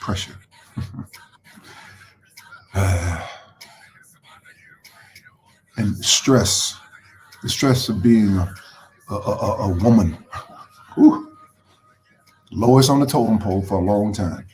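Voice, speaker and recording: A man's voice: fairly low pitch, takes it slowly, pauses often, a little mellow, slight background noise. A man hosting a live motivational talk. He speaks conversationally, repeats phrases for emphasis and greets viewers by name as he goes. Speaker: motivational host.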